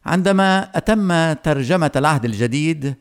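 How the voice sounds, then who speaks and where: A man preaching a sermon, speaking earnestly and slowly, addressing the listeners directly with questions. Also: fairly high pitch, animated, clear, resonant tone.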